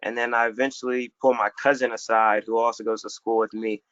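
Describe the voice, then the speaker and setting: A man's voice: mid-range voice, flat delivery, a little fast, fairly bright tone, no room sound. Young man telling a reflective personal story. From Florida. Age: young adult. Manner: reflective, casual with slang. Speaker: community panel speaker. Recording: dull lo-fi dry recording.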